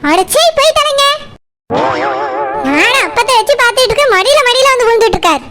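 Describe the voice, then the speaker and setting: A woman voicing a sharp-tongued village wife in a cartoon, scolding her drunk husband fast and exasperated, with a Kanyakumari Tamil accent. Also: extremely high pitch, animated, soft background music, exaggerated voice.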